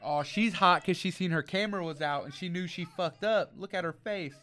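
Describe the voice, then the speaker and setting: A man co-hosting a casual podcast, telling stories with animated slang. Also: high-pitched, brisk. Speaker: podcast co-host. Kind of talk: casual stoner chat.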